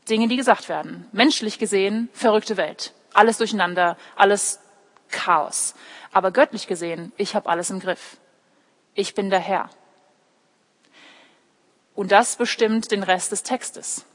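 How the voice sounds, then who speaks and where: A woman preaching an online sermon, often asking questions and speaking directly to her listeners. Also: medium pitch. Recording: long hall reverb.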